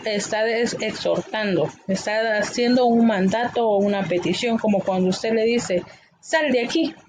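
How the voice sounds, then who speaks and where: Woman teacher, slightly high voice, patient halting delivery, faint noise behind. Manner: patient, repetitive explaining with frequent "eh" fillers. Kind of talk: explanatory lesson.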